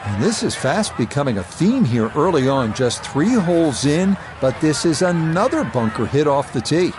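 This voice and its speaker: A man calling golf as a play-by-play commentator, in a measured, conversational broadcast style. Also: a little high, sing-song, noisy background.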